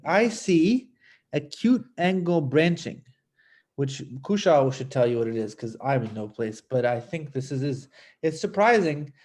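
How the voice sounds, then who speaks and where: Excitable guy on a video call, mellow tone, swings all over, big joking reactions. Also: medium pitch, gravelly. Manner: exuberant, joking exclamations. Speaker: case discussant. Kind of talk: medical case discussion.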